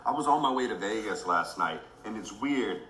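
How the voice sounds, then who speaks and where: A man's voice: lowish voice, lively intonation, normal speed, a bit bright, echoey room, slight background noise, poor audio. A man ranting angrily on a livestream, swearing heavily, angry and emotional. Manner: heavy swearing, furious and emotional. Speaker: livestream host.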